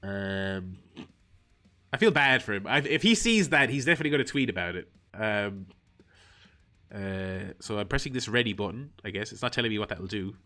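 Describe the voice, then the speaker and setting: Bright-voiced man chatting through a game. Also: fairly low pitch, lively intonation, a little fast. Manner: wry, rambling, self-deprecating asides with frequent fillers. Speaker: gaming streamer. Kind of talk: casual game commentary, reading tutorial text aloud.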